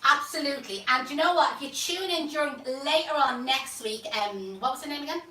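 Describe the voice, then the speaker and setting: Speaking fairly quickly in a high, bright, pushed voice, a Dublin woman runs a live flower-arranging class, talking her way through the demo with homely chatter and joking asides. She is the teacher and host, recorded from a distance in a roomy space.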